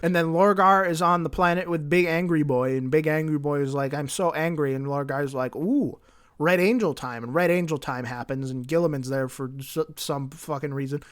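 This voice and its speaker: A man's voice: fairly high pitch, fairly even intonation, brisk, few pauses, fairly bright tone, clean tone. A man giving a rambling, flippant comedic summary of a story. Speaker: lore video creator.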